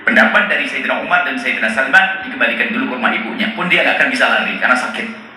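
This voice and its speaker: Preacher guy telling a story, super lively, acts out the characters, bright voice, big hall echo, mic far off. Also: mid-range voice, racing, slight background noise. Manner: animated, acting out the characters of the story. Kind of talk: storytelling sermon. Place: large hall at a religious boarding school gathering. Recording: echoey hall, heard from a distance.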